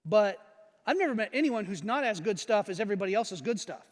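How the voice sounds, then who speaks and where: In a church sanctuary, a pastor in his forties preaches a casual, joking sermon, acting out the voices of the people in his story. His voice sits high and he speaks fast and animatedly, with the hall's echo audible on the recording.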